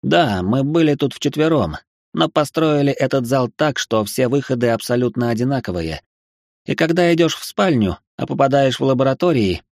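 A man's voice: medium pitch, animated, moderate pace, a little mellow, no echo, studio quality, natural voice. A man voicing a wry, scholarly angel. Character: scholarly male angel, dry and curious. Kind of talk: audiobook character reading.

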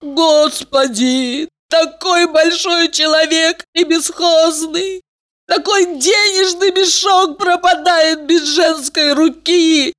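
A woman's voice: sing-song, moderate pace, a bit bright. A woman voicing a bossy, scheming young woman who scolds and shrieks at her friend. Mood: scolding, shrill. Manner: shrill, scolding, sarcastic.

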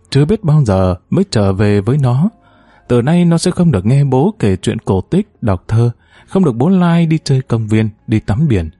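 A man narrating a story aloud in a measured, expressive audiobook style. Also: medium pitch, no echo.

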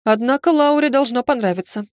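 A woman's voice: a little high, fairly quick, no room sound, studio quality. Wry woman reading a fantasy novel. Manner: wry, ironic storytelling. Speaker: audiobook narrator. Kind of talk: first-person audiobook narration.

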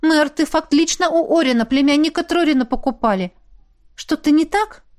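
A woman's voice: sits high, moderate pace, a little mellow, voice pushed up, natural voice. A woman doing a flustered young student. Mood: indignant. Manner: flustered, indignant.

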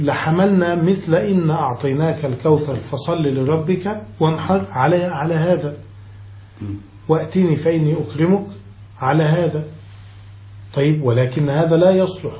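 A man's voice: a little high, dark tone, reverberant, poor audio. A man, a sheikh, teaching a classical Arabic grammar lesson, explaining step by step and often checking that his students follow.

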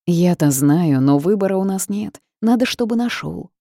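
Woman as a fiery young witch, loud and exasperated, gravelly, dry sound. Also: fairly low pitch, animated, normal speed, dry recording.

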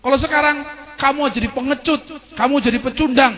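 A man's voice: extremely high pitch, fairly even intonation, fast talker, pitched above the performer's own voice. A man voicing a grieving, defiant noblewoman who scornfully accuses a cruel ruler, in a sermon story. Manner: accusing, challenging tone. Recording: dull lo-fi recording.

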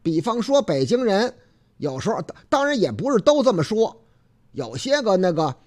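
A man's voice: sits high, very animated, normal speed, darkish tone. Chatty Beijing-accented male radio host. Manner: chatty and folksy, drawling filler particles. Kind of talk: casual radio talk show chat.

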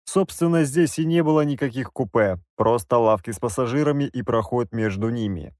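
A man narrating a first-person audiobook in a wry, expressive reading. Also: medium pitch, moderate pace, no echo, studio quality.

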